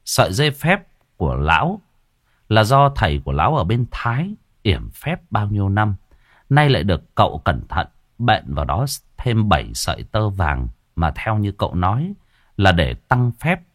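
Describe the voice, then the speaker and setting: Deep-voiced male ghost story narrator. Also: normal speed, no echo, clean studio sound. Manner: lively, expressive storytelling.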